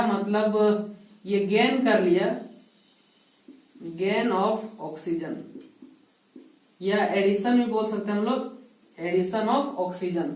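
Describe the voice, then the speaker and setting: A woman with a fairly high voice teaches chemistry, taking it one step at a time and stopping to ask rhetorical questions. She sounds a little away from the mic, in a room with lots of echo. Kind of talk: whiteboard chemistry lesson. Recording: echoey room, voice heard from a distance.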